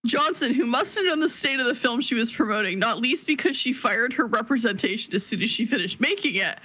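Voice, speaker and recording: A woman's voice: high-pitched, low-quality recording. A woman co-hosting a gaming podcast, chatting casually and reading a news article aloud with laughs and restarts. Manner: laughing, excitable, trails off into restarts. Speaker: podcast co-host.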